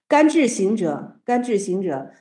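A woman giving a casual talk on Zen teaching, telling old stories in a lively way. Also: mid-range voice, a little slow, roomy sound. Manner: storytelling, lively, with restarts.

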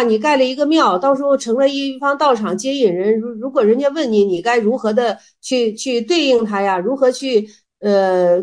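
A woman with a slightly high voice leads a relaxed teaching session, explaining old stories line by line. She talks conversationally, repeats phrases as she thinks, and lifts her voice when acting out the quoted exchanges. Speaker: Chan Buddhist study group teacher. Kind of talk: casual teaching talk explaining koans.

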